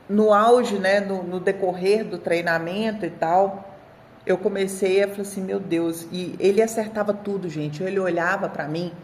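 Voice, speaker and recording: A woman in her thirties with a Brazilian Portuguese accent, a dog trainer presenting an article in a chatty, animated storytelling way, talking straight to her viewers. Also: medium pitch, moderate pace, a little hiss or hum. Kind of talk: casual video presentation of an article.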